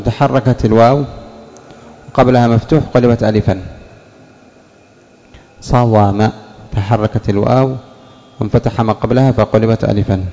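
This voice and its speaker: A man with a dark, medium-pitched voice teaches Arabic morphology as a sheikh, explaining word roots in a classroom lesson held in an echoey hall. He asks questions before answering them himself and stretches out example words slowly.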